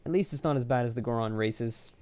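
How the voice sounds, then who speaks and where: A man's voice: mid-range voice, quick pace, a little mellow, clean tone, dry recording. A young man giving rambling, offhand, casual commentary over his own gameplay. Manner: rambling, offhand, self-deprecating. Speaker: Let's Play commentator.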